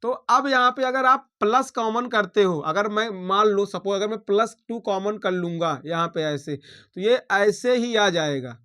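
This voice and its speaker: High-voiced man teaching maths step by step. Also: unhurried, pushed and bright, clear, resonant tone. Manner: talks through each step aloud, checking in with students. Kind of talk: blackboard maths lesson.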